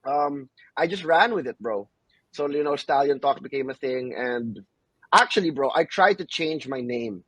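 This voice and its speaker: A man's voice: medium pitch, expressive, moderate pace, a bit bright, breathy edge, no room sound, poor audio. A young man from the Philippines hosting a casual podcast chat, laid-back and peppering his talk with "bro" and "you know what I mean". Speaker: podcast host.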